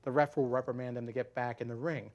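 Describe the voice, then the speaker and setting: A man's voice: medium pitch, fairly even intonation, fast talker, a little mellow, highs cut off. A man co-hosting a wrestling podcast, explaining in a rambling way and often restarting his words. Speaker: podcast co-host. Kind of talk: casual wrestling podcast chat.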